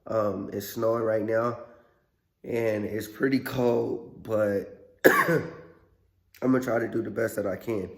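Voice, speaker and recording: A man hosting a casual car repair vlog in a workshop, talking in a laid-back, slangy way with a hoarse, under-the-weather voice. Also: lowish voice, takes it slowly, pauses often.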